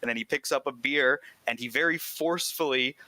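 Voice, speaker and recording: Bright-voiced male game master. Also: medium pitch, a little fast. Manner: loose, rambling, laughing asides. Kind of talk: narrating a tabletop game.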